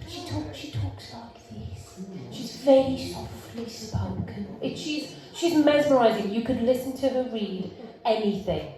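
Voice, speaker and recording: A woman singer-songwriter chatting with a live concert audience between songs, chatty and jokey with quick asides. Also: medium pitch, warm tone. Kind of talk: casual stage banter between songs. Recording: echoey live hall with guitar music.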